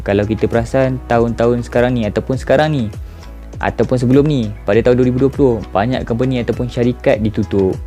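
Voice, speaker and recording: Mellow-voiced young Malaysian man vlogging. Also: medium pitch. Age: 20s. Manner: informal, addresses viewers directly with rhetorical questions. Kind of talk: casual reflective monologue to camera.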